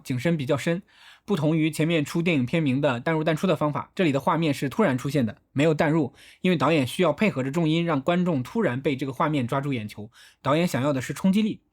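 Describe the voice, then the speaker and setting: A husky-voiced man narrates a film breakdown at a brisk clip, his voice sitting a little high. He works through each shot step by step, methodically explaining what the director is doing. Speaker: film analysis host.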